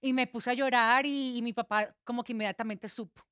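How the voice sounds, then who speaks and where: A woman's voice: fairly high pitch, fairly even intonation, brisk, a bit bright, no room sound, clean studio sound. A woman in her thirties chatting candidly as a guest, reading fan questions aloud and telling personal stories. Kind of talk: casual chat.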